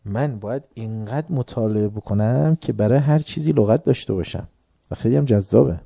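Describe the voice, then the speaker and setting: Guy with a super dark mellow voice doing a chatty joking religious talk, dry close sound. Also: medium pitch, gravelly, dry recording. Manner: conversational, joking, mimics voices. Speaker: religious lecturer. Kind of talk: informal religious talk to an audience.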